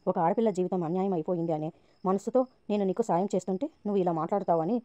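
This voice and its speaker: A woman's voice: lowish voice, very fast, warm tone, no room sound, lightly acted. A woman narrator reading the lines of a scheming, sarcastic young woman. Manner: sarcastic and goading.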